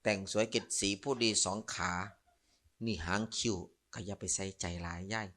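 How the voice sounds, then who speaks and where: A man preaching as a Buddhist monk, his Isan accent running through a lighthearted Dharma talk. He tells stories and jokes and teases the people listening. His voice is bright and forceful, carrying each punchline. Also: fairly low pitch, steady tone, moderate pace. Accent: Northeastern Thai (Isan). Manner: joking, storytelling, playful asides to the audience. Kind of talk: humorous Dharma sermon.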